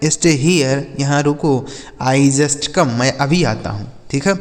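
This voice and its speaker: A man's voice: medium pitch, slow pace, long reverb tail. A man teaching English words to children in Hindi, spelling each word letter by letter and repeating every example sentence twice. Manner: addresses viewers as children. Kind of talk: slow spelling-and-translation lesson for children.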